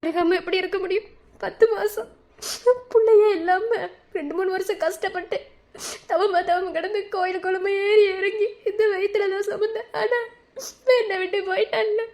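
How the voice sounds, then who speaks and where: A grieving mother in a cartoon drama, tearful and lamenting, voiced by a woman. Her voice is high and heavy with sorrow. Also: steady tone, moderate pace, a little mellow. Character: grieving mother who lost her son. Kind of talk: cartoon voice acting.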